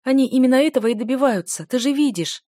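A woman reading an audiobook voices a kind, selfless young female aristocrat who pleads in a soft, high voice. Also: animated, fast talker, no echo, clean studio sound. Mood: pleading.

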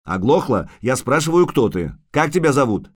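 A man voicing a gruff, sardonic male monster hunter who talks brusquely and mockingly. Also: mid-range voice, very animated, normal speed.

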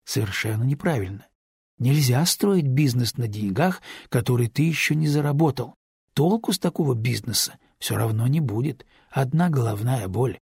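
A stern older nurse, blunt and thrifty, lectures in a raised, husky voice, as a male narrator puts her on. The storybook reading has a gravelly edge and sounds dry and close. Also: medium pitch, animated, normal speed, a little mellow, dry recording, heavily acted. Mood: stern lecturing.

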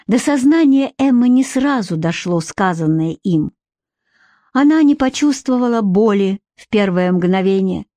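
A woman narrates an audiobook in a measured, even way. Her voice sits at a middle pitch and is recorded dry, close to the mic. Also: dry recording.

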